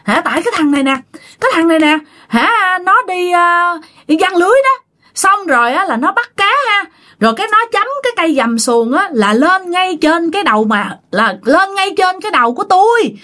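A woman's voice: extremely high pitch, big pitch swings, brisk, bright, forceful tone, voice pushed up, full character voice. A woman with a Southern Vietnamese accent voicing the wailing, pleading ghost of a young man who has possessed a villager. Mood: complaining.

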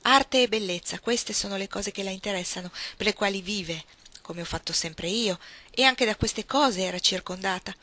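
A woman's voice: medium pitch, moderate pace, bright, forceful tone. A woman reading the part of a theatrical, effusive older aristocratic aunt in an audiobook, with grand dramatic emphasis. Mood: gushing.

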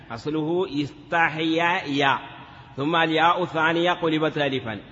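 In a large hall with the highs cut off, a man gives a classroom lecture on Arabic morphology in a fairly high, bright, forceful voice. He questions and then answers himself, occasionally drawing words out in a chant-like cadence.

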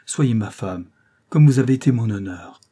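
A man's voice: medium pitch, animated, moderate pace, warm tone, slightly rough. A man voicing a passionate, desperate young nobleman in a story reading, pleading in a raised voice. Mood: fervent.

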